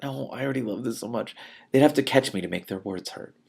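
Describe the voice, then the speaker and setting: An adult man hosts a book read-along show, reading a novel aloud expressively and animatedly while reacting to the text and breaking off for spontaneous comments of his own. His mid-range voice is fast and creaky, with background noise in the recording.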